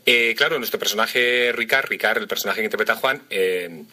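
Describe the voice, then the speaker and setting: Fast-talking husky male interviewer. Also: on the low side, pushed and bright. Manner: chatty, jokes with guests. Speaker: radio interviewer. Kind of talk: casual interview.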